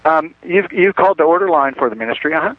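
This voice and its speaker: A man's voice: a little high, lively intonation, fast talker. A man working a ministry order line, heard over a phone line, polite, patient and apologetic with a caller. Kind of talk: customer service phone call. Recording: tinny, dry phone line.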